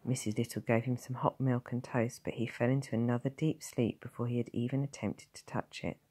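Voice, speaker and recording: A woman's voice: a bass voice, little pitch movement, fairly quick, dark tone, breathy edge. A woman teacher reading a novel aloud, narrating expressively and voicing each character. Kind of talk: storybook narration.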